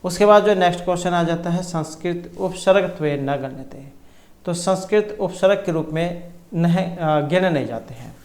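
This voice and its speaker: A man's voice: sits high, moderate pace, darkish tone. A man teaching an exam-prep lesson, explaining multiple-choice answers and reciting terms and grammar rules one by one. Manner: self-corrects mid-sentence. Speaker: Sanskrit exam tutor.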